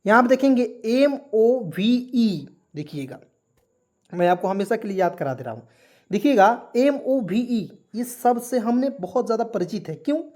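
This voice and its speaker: A man's voice: high-pitched, expressive, normal speed, a little mellow. Man quizzing his class with questions. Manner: quizzes listeners with repeated rhetorical questions; addresses listeners as friends, checks they follow. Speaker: English teacher. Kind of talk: online lesson explaining spelling.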